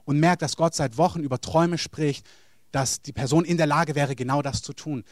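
A man's voice: on the high side, steady tone, normal speed, dry recording, studio quality. A man preaching a sermon, speaking earnestly and addressing the listeners directly.

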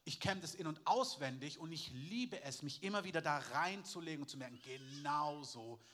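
A man preaching from the pulpit. His voice sits high and sounds bright and forceful, and he presses each point home with repeated phrases and calls for amen. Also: lively intonation, normal speed, slight background noise. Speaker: pastor. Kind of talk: sermon.

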